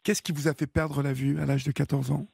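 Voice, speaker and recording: A man hosting a late-night call-in radio show, asking his callers questions in a gentle, attentive way. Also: on the high side, flat delivery, brisk, vocal fry, breathy edge, no echo, studio quality. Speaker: radio host.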